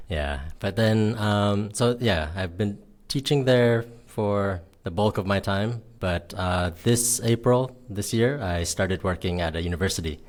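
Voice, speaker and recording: A man from Miami, a teacher, answering interview questions in a relaxed way, often pausing on um. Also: lowish voice. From Miami, Florida. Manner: relaxed, hesitant with ums. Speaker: guest, English teacher.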